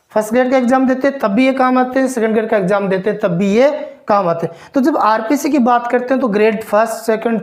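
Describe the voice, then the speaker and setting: A woman's voice: on the high side, a little mellow. A woman teaching an English phonetics lesson, going through sounds one by one, repeating them and asking the class questions. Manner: slow, repeats each sound and quizzes listeners.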